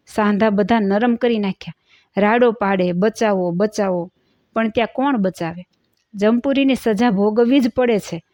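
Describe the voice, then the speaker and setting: A woman narrates a devotional moral story, preachy and cautionary. Her voice is fairly high, and the recording is dull, dry and close. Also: a little mellow, no room sound.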